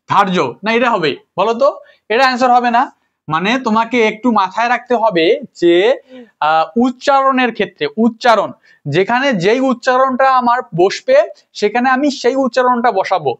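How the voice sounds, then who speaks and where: High-voiced man tutoring grammar. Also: a bit bright. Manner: repeats words and asks rhetorical questions; self-correcting, apologizes for slips. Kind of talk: informal classroom lesson, addressing students. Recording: dull lo-fi recording.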